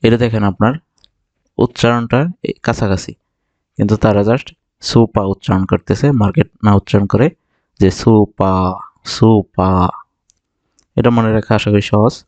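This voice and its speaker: A man from Bangladesh teaching vocabulary, explaining patiently and repeating each word slowly for learners. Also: fairly low pitch, a little mellow, no echo, highs cut off. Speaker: Japanese language teacher. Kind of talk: vocabulary lesson narration.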